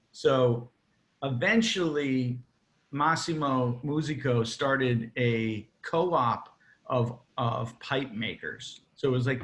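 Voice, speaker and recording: A man's voice: medium pitch, a bit bright. A man guesting on an interview, telling long rambling stories with plenty of fillers in a casual chat. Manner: rambling storyteller, many fillers. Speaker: cigar maker, interview guest.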